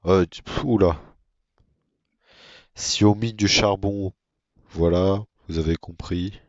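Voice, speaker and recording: A man giving casual, monotone commentary on his own gameplay, with self-mocking asides. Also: low-pitched, slow, no room sound, muffled recording. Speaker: gaming video creator.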